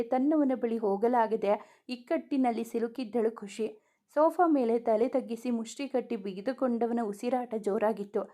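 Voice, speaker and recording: A woman storyteller narrating an emotional family serial in a measured, heartfelt way. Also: on the high side, mellow.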